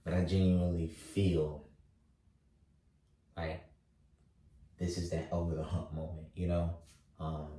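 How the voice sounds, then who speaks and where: Deep-voiced thirty-year-old man musing aloud. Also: dark tone, distant mic. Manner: halting, many fillers and restarts. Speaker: vlogger. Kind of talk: reflective casual monologue. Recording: roomy echo, voice set back from mic.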